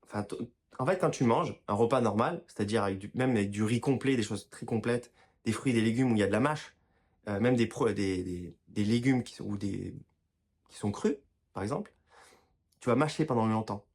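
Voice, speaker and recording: A man's voice: lowish voice, fairly quick, a little mellow. A man giving casual health advice to his viewers, talking informally and directly to them, often restarting his sentences. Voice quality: apologizes for his own pronunciation. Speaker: health and wellness video creator. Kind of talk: casual explanatory talk to camera.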